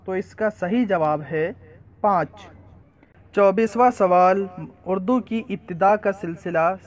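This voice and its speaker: A man's voice: sits high, low-quality recording. A man reading out multiple-choice quiz questions and then stating each correct answer. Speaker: quiz presenter.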